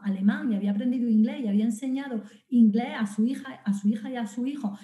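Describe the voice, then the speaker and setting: A woman giving a public lecture. She is animated, talks straight to her audience, and often restarts and corrects herself. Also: on the high side. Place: lecture hall. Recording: dull echoey hall recording.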